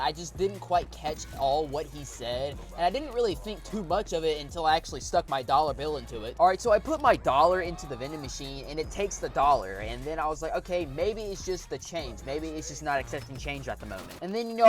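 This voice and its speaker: Young man telling an animated storytime. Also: on the high side. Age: young adult. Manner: animated, exaggerated storytelling with swearing. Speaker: vlogger. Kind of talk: casual storytime vlog.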